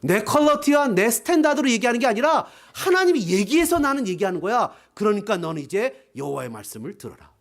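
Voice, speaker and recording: A man's voice: high-pitched, big pitch swings, a little fast, gravelly, hardly any pauses, pitched below the performer's own voice, heavily acted. A man doing a plain-spoken shepherd prophet. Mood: firm. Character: humble ancient shepherd prophet, male, firm and plain.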